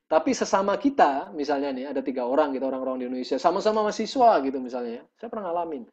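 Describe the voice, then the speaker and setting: Musician guest, man, fairly high voice, animated storyteller, muffled video-call sound. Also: rapid-fire. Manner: lively storytelling, acts out quotes. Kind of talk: casual video-call conversation.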